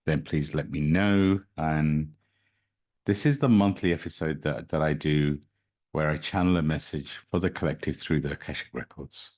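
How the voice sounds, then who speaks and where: Very deep-voiced man hosting a podcast. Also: moderate pace, darkish tone. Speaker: podcast host and spiritual reader. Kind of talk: informal solo podcast talk.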